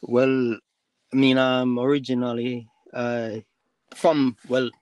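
Halting man from Jamaica, dry close sound. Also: medium pitch, level tone, a little mellow, clean tone, dry recording. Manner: halting, with many fillers and restarts. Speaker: podcast guest. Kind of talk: casual interview talk.

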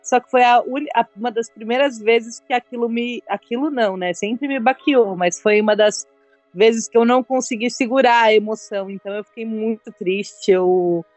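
A woman, giving a reflective personal testimony in an interview in a measured way. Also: fairly high pitch, darkish tone, no room sound, soft background music.

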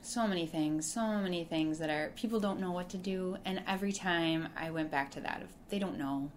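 A woman talks earnestly as a podcast guest. Her voice sits a little low, with faint background noise in the recording. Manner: earnest, reflective, talks in quick restarts. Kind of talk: casual interview chat.

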